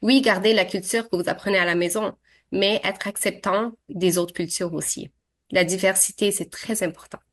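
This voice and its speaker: A Syrian woman in her thirties, a native Arabic speaker, answers interview questions hesitantly, with many fillers and restarts. Her mid-range voice is a bit bright, steady in tone and moderate in pace.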